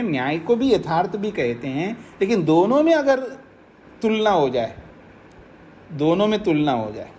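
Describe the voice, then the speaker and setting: A male swami from India delivers a scripture discourse in a lively, rising and falling voice. He drives each point home through repetition and everyday examples, with a faint hum of room ambience behind him. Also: high voice. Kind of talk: spiritual discourse.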